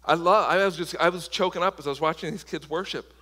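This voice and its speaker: A man's voice: a little high, quick pace, bright, forceful tone. A man preaching a sermon as pastor, impassioned, often restarting and repeating words. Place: church sanctuary. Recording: long reverb of a large hall.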